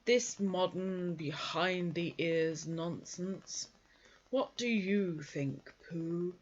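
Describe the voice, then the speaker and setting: A woman's voice: fairly low pitch, extremely slow. A woman voicing a gloomy, grumbling old male donkey. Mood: glum. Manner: grumbling, glum. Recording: dull lo-fi recording.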